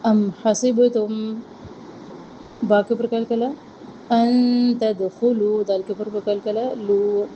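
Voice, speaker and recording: A woman teaching Quran recitation, reciting each phrase slowly and then quickly explaining its pronunciation rules. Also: fairly high pitch, level tone, muffled recording, a little hiss or hum. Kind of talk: tajweed lesson, recitation with rule explanations.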